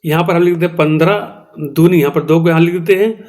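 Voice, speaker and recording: Guy with a high voice and chhattisgarhi-tinged hindi, teaching maths step by step. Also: fast talker, darkish tone. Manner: explains step by step, repeats "theek hai doston". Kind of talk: classroom maths lesson.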